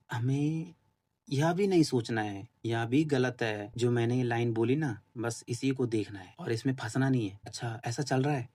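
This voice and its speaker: A man giving an informal, earnest spoken explanation, casual and repetitive, with many fillers and restarts. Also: medium pitch. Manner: earnest, admits he is still learning. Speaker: spiritual talk host.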